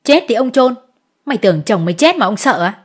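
A woman's voice: a little high, sing-song, brisk, slightly rough. A woman voicing a harsh male village chief who bullies a peasant. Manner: shouting, scornful.

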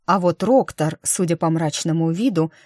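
A woman reads a first-person audiobook with a low, deep voice. Her storytelling is even and lightly ironic. The sound is dry and close, with no room echo. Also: normal speed. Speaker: audiobook narrator.

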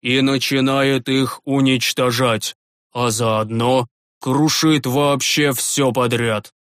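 A man's voice: medium pitch, fairly even intonation, fairly bright tone, no echo, clean studio sound. Man doing a grim old priest. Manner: gloomy, slow and measured. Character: grim old male priest, stubborn and devout.

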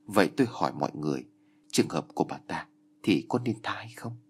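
Old boatman, as a man reads him, calm and stern, kinda sorrowful, low husky voice. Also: quick pace, exaggerated voice. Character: calm, mournful old boatman judging a killer.

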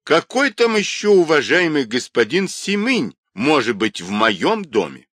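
A man voicing an old woman teahouse keeper in her sixties or more, shrill and scolding. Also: sing-song, unhurried, a bit bright, no room sound, studio quality, full character voice.

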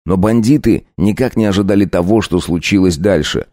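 A man narrating a dark folk-tale audiobook in a measured, storytelling way with folksy phrasing. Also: low-pitched, dry recording, studio quality.

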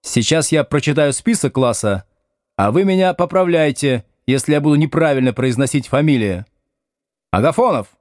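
A stern young schoolteacher, as the male reader puts him on, giving curt orders to an unruly class. His speech rises and falls with lively intonation. The sound is close and dry. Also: a little high, moderate pace, no room sound, pitched above the performer's own voice, close to an everyday voice. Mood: businesslike. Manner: curt, commanding.

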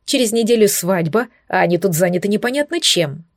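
A woman's voice: medium pitch, lively intonation, fairly quick, no room sound, studio quality, natural voice. A woman doing a mocking, bossy brother. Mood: teasing. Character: teasing, snorting young adult brother.

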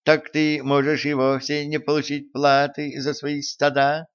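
A man's voice: a little high, completely flat delivery, measured pace, smooth, no echo, muffled recording, voice pushed up, lightly acted. A man voicing a petty, smug imperial scribe who speaks disdainfully to petitioners in an audiobook. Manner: disdainful, dismissive.

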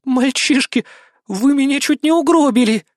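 A man reading an audiobook voices a frightened young woman TV colleague, raising his voice high and tense. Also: moderate pace, a little mellow, dry recording, clean studio sound. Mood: shaken. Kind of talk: audiobook character voice.

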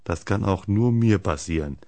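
A man reading the lines of a hapless, easily amazed male patient in a deep voice. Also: moderate pace, darkish tone, no echo. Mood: naive.

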